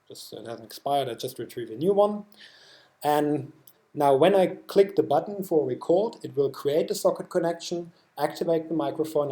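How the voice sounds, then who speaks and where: A man with a German accent presenting software at a developer meetup, explaining a live demo with many fillers and restarts. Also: on the high side, echoey room. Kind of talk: technical talk with live demo. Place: meetup room.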